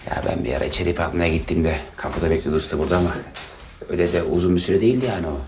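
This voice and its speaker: An actor rehearsing a puzzled, mild middle-aged man who mutters and tries to calm a family quarrel. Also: sits low, very fast, natural voice. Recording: distant roomy on-set sound with noise.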